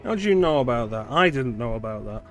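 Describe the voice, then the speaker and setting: A man's voice: mid-range voice, animated, quick pace, soft background music. A man streaming a video game, giving casual live commentary as he plays.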